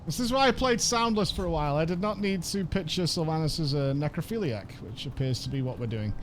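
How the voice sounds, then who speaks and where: High-voiced man doing casual game commentary. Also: lively intonation, a little fast, slight background noise. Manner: informal, sweary. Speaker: gamer narrating his playthrough.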